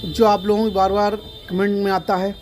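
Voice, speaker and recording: Speaking to camera in a high, flat, fairly quick voice with a darkish tone, a man gives earnest meditation instruction, explaining carefully and often repeating himself. Faint music plays in the background.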